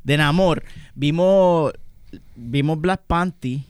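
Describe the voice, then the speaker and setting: A man's voice: a little high, slow, clean tone, no room sound, studio quality. A man with a Puerto Rican accent co-hosting a podcast, bantering, swearing and laughing a lot. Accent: Puerto Rican Spanish. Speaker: podcast co-host. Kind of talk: casual banter.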